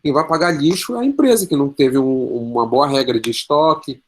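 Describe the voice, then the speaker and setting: A man's voice: mid-range voice, animated, fairly quick. A man with a Brazilian Portuguese accent teaching an online class, telling a story with quoted dialogue and walking through sums on a calculator.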